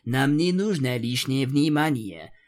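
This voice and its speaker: A man voicing a cruel, commanding dark female creature who gives cold, hissing orders. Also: mid-range voice, lively intonation, measured pace, natural voice.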